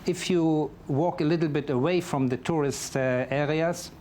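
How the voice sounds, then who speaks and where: A man with a German accent, a chef being interviewed, answering in halting English with many fillers and restarts. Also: fairly high pitch, a little mellow. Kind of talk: interview answers over a remote line.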